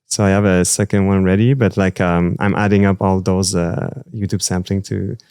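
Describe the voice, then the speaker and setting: A man in his thirties with a Quebec French accent, talking in a loose, rambling way with constant fillers. His voice sits on the low side, and it is recorded dry and close to the mic. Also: normal speed, clear, resonant tone, no echo. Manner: rambling, many fillers, animated. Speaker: musician guest. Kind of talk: casual interview chat.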